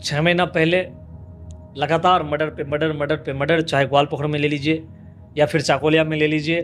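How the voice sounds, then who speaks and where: A man's voice: on the high side, flat delivery, brisk, soft background music. A man, a local politician, answering interview questions in impassioned, repetitive rhetorical lists. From West Bengal, India.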